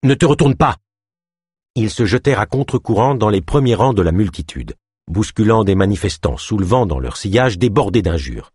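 A man reading a thriller novel aloud as narrator, expressive storytelling. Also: fairly low pitch, a little fast, breathy edge, no echo, studio quality. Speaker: audiobook narrator. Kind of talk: scripted narration.

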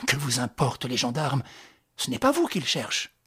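A reader with a husky voice voicing a young gentleman who gives firm, clipped orders in an audiobook. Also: medium pitch, sing-song, moderate pace, exaggerated voice. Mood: commanding. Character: young gentleman, calm and commanding.

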